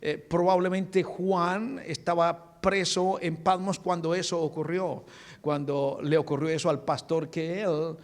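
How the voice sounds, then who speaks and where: A man's voice: on the high side, little pitch movement, a little slow, long reverb tail. A man preaching earnestly as a pastor, calling his listeners beloved. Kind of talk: sermon.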